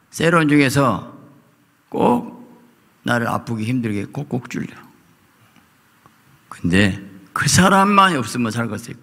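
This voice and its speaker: Korean pastor guy preaching, gravelly voice, swings way up and down, church echo. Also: medium pitch. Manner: swings from quiet asides to loud fervent cries, acts out quoted prayers. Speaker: senior pastor. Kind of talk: sermon at a prayer meeting. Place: church sanctuary. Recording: long hall reverb.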